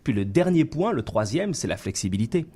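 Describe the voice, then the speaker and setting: Brief: male founder guest, mellow husky voice, methodical point-by-point explainer, radio studio. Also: mid-range voice, big pitch swings, brisk. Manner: explains step by step in numbered points. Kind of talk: radio interview.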